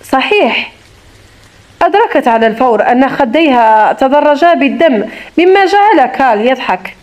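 Female audiobook narrator, high voice, dramatic novel reading. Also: animated, fairly quick, a little mellow.

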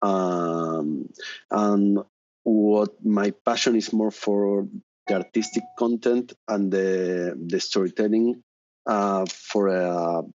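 Over dull video call audio, an Argentine man in his thirties talks on a conference panel in English with an Argentine Spanish accent. His voice sits low and a bit mellow, steady and slow, with a slight hiss or hum. He wears a headset at home indoors and hesitates constantly, stacking fillers and restarting sentences.

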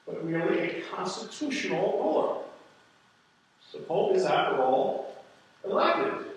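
A man, a pastor, teaching a church history class in a church, lecturing in a conversational way with wry asides and rhetorical questions. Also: high-pitched. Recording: very echoey room, voice far from the mic.

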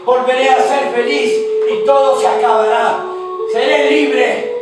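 A man playing an anguished masked man, high and echoing. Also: fairly even intonation. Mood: hopeful. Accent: Colombian Spanish. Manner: declamatory, with stretched pauses. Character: anguished man, tormented by his mask in confinement. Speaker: stage actor. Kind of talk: theatrical monologue. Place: theater stage. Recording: echoey live stage, far mic, loud music.

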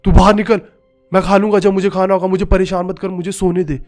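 A man voicing a possessed middle-aged father who shouts rudely and with hostility. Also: high voice, flat delivery, fast talker, soft background music, close to an everyday voice. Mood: angry shouting. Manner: loud shouting, rude.

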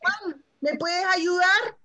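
A woman kindergarten teacher, slowly sounding out syllables for small children over a video call and encouraging them patiently. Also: very high-pitched, pushed and bright. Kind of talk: online phonics lesson for young children.

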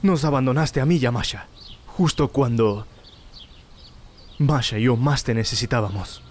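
A man's voice: mid-range voice, normal speed, darkish tone, slight background noise, lightly acted. An actor voicing an earnest young father in a dubbed film drama. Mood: hurt, firm. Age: young adult. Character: earnest young father, wounded by his wife's leaving.

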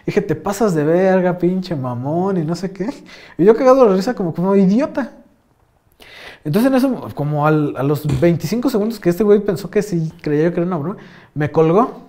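A man's voice: high-pitched, expressive, brisk, mellow. A young man with a Mexican accent telling a rambling, slang-filled story in casual chat, full of fillers. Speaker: podcast host.

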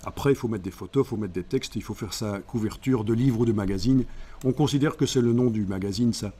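A man speaking, explaining a software tutorial step by step and thinking aloud as he works. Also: lowish voice, a little fast, husky. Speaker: software instructor. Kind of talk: screen-recorded software tutorial.

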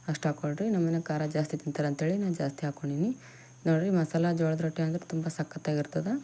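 Low mellow North Karnataka village woman. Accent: North Karnataka Kannada. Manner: chatty, explains step by step to viewers. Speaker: village cooking vlogger. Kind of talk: homely cooking demonstration and chat.

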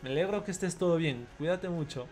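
A young man streaming a football video game live, chatty and excitable, greeting viewers by name as he plays. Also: fairly high pitch, fast talker, faint music behind. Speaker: gaming streamer. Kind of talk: live gameplay commentary with chat shout-outs.

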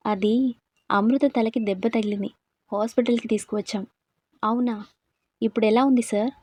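A woman voicing a gentle worried young father. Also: high voice, steady tone, normal speed.

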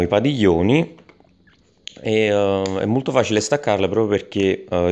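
A man's voice: low-pitched, darkish tone. A man giving an unscripted product review voice-over, hesitant, with many fillers and restarts.

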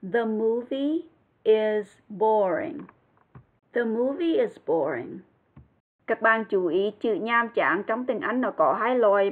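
Slow, careful woman teacher, tinny sound. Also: medium pitch. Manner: slow and careful, repeating words for pronunciation. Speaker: English teacher. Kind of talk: language lesson.

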